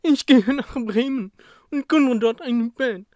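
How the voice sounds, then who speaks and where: A storyteller voicing an old female work horse in a raised, drawn-out, cheerful voice. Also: medium pitch, a little mellow, no room sound, studio quality, pitched above the performer's own voice, natural voice. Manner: slow, drawn-out, upbeat coaxing. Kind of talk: storybook reading.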